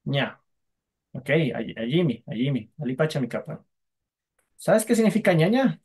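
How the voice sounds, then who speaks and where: A man's voice: a little high, big pitch swings, a little slow, darkish tone, slightly rough. A man teaching a language class online, patiently drilling sounds for students to repeat.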